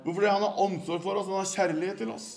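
A man's voice: high voice, fairly even intonation. An older man from Norway preaching a sermon in an earnest, storytelling manner.

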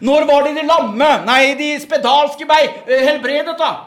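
A man's voice: extremely high pitch, steady tone, fairly bright tone. A man preaching a revival sermon and testimony, fervent, repeating words and punctuating with amen.

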